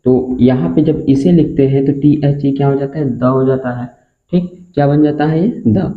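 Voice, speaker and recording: A man teaching a spoken class lesson, spelling words out slowly and asking listeners to repeat after him. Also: fairly high pitch, fairly even intonation. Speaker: English teacher. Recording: echoey room on a tinny, phone-like line.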